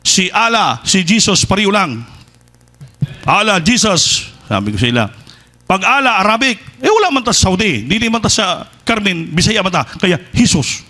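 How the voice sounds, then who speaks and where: A male preacher delivers a testimony sermon. His voice sits high and bright, with a forceful edge. He is animated, and he acts out the people in his story as he tells it. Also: moderate pace. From Philippines. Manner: lively storytelling, switches between Tagalog and Visayan, acts out quoted people.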